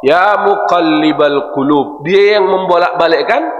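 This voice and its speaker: A man preaching a dawn sermon to a mosque congregation, teasing them with questions and dropping to a hushed voice for prayers. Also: sits high, measured pace, dull audio. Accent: Indonesian. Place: large mosque hall. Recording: echoey mosque hall.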